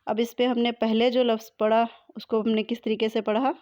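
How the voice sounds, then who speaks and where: Woman teaching tajweed, slightly high voice. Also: level tone, mellow, no room sound, clean studio sound. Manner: patient, methodical explaining, spells letters out slowly. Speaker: Quran recitation teacher. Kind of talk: tajweed lesson. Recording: dull lo-fi sound.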